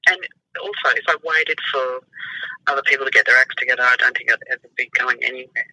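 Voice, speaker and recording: A woman's voice: rumbling low, steady tone, fast, sharp tone, no echo, poor audio. A middle-aged woman in casual chat, wry, with hesitant starts and repeated words.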